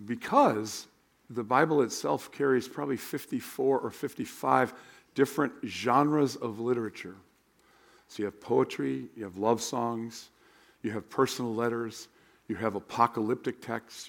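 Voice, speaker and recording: An American man preaching as a pastor in a hoarse, worn voice, speaking in a plain, conversational way. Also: medium pitch. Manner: plain-spoken, conversational, rhetorical questions. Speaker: pastor teaching a Bible class. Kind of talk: sermon with spoken prayer and teaching.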